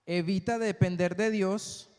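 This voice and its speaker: A man preaching a sermon, asking the congregation questions and answering them, swinging from loud high peaks to soft low endings. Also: fairly even intonation, unhurried, clean tone. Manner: call-and-response questions to the congregation. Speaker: pastor. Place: church. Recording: long church hall reverb.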